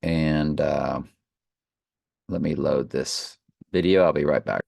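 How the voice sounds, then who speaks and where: A man's voice: extremely low pitch, fairly even intonation, slow pace, gravelly, darkish tone, no room sound. A man leading an informal Bible study, reading and commenting off the cuff, slightly slurring because half his mouth is numb from the dentist. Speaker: online Bible study host.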